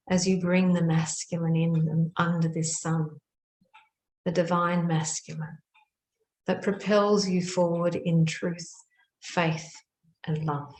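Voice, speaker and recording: Low-voiced and steady, a female meditation guide murmurs slow, deliberate phrases separated by pauses. The space around her sounds roomy, with noticeable echo.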